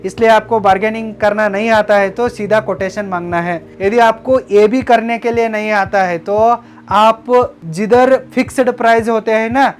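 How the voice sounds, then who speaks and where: High-voiced man giving business tips. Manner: instructive, addresses viewers as friends. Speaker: business educator. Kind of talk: scripted narration.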